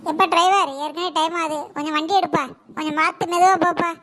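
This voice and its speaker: A woman plays a fed-up cartoon schoolteacher herding pupils on a trip, all exasperated orders and scolding. She speaks with a Kanyakumari Tamil accent in a very high voice. A faint hum sits under her lines. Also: steady tone, fast talker, bright, forceful tone, low-quality recording. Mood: lecturing. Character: scolding harried female school teacher. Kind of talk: cartoon voice acting.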